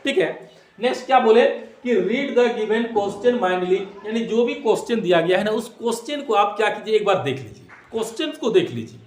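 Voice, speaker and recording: High-pitched and sing-song, this fast-talking man delivers exam advice as if to a class. He repeats himself, throws out rhetorical questions, and blends in English expressions, all recorded in an echoey space.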